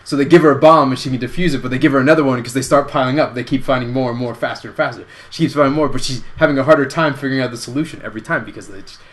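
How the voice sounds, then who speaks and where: A man hosting a casual online show, pitching a movie idea in a rambling, self-correcting way. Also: very fast, hardly any pauses. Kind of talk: casual comedic chat.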